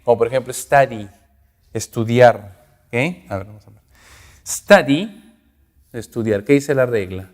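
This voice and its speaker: A man teaching English grammar, at an ordinary middle pitch. He explains step by step and keeps checking in with "ok?". His voice has a long reverb, as if recorded in a hall. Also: animated. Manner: explains slowly, checking with "ok?" after each point.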